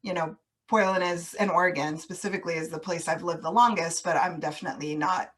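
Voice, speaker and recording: A woman's voice: on the low side, steady tone, a little fast, husky. A woman interview guest speaking casually and reflectively, laughing now and then as she talks about growing up on military bases. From grew up on US military bases overseas. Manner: warm, reflective, laughs easily.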